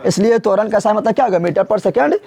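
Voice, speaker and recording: High gravelly male teacher drilling students. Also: quick pace, dark tone. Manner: asks a question then answers it himself, repeats key terms; casual, colloquial, addresses students directly. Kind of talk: exam-prep physics lesson.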